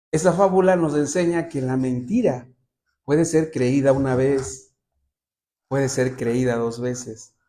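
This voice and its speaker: A man with a Mexican Spanish accent preaching a sermon as pastor, telling stories and acting out the people he quotes. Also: high voice. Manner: lively storytelling, voices quoted characters.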